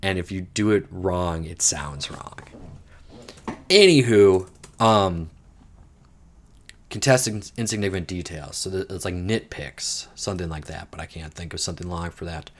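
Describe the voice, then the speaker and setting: A man's voice: sits low, fairly even intonation, moderate pace. A man casually thinking aloud while solving a crossword, wandering into rambling asides with some mild swearing. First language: English. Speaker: podcast host solving a crossword. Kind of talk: casual solo puzzle-solving chat.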